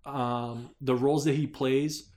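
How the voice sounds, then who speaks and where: A man's voice: medium pitch, fairly even intonation, unhurried, a little mellow. A man co-hosting a podcast, talking casually in a rambling, hesitant way with lots of fillers and restarts. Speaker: podcast co-host. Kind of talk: casual chat.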